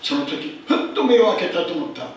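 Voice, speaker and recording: Older male pastor, high and very lively delivery, emphatic sermon, heard from afar in a church hall. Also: fairly quick. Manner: emphatic preaching, repeats key phrases. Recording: echoey church hall, distant mic, faint noise.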